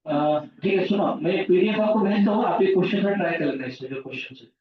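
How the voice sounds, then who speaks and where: A man's voice: high-pitched, fast. A male physics teacher chatting informally with his class, mixing lesson points with stories. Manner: chatty, jumps between lesson and anecdotes. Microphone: far from the mic. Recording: echoey room, distant mic, dull sound.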